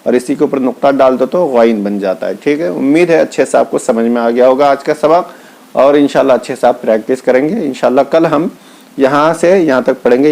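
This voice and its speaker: A man teaching Quran letter reading. He calls out each Arabic letter slowly and then explains patiently, with speech. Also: mid-range voice, darkish tone. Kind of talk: slow step-by-step lesson.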